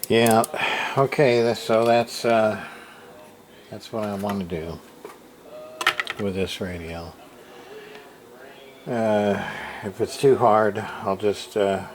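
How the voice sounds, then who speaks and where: With a fairly low pitch and a little hiss or hum on the recording, a tired man shows off an old radio at his home workshop desk. This hobbyist repairer keeps the workbench show-and-tell casual, thinking aloud and restarting often amid fillers.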